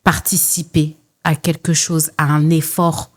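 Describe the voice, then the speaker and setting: A French woman in her 40s, an entrepreneur and former social worker, appears as a podcast guest in a conversational interview. She speaks earnestly and emphatically, often repeating phrases to build her point, in a low, flat and unhurried voice.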